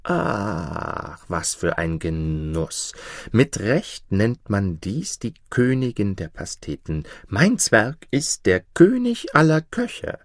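A man's voice: on the low side, big pitch swings, measured pace, hardly any pauses, husky, no echo, clean studio sound, exaggerated voice. A man voicing a proud, hot-tempered duke in a fairy tale, speaking in a commanding, blustering way. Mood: imperious.

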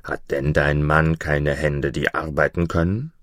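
A man voicing a gruff mountain spirit disguised as a charcoal burner, talking deep, slow and stern. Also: flat delivery, a bit bright, no room sound, clean studio sound. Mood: mocking.

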